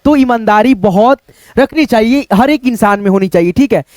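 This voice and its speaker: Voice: medium pitch, normal speed, a little mellow, no echo, studio quality. A reading teacher, giving a chatty read-aloud lesson and drawing out syllables.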